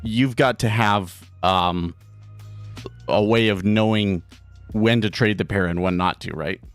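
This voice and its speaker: Guy streaming his day trades, lowish voice, dry close sound, faint music behind, stumbles and repeats words. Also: clean tone, no echo. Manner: casual, halting, repeats words. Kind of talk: live trading stream chat. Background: faint background music.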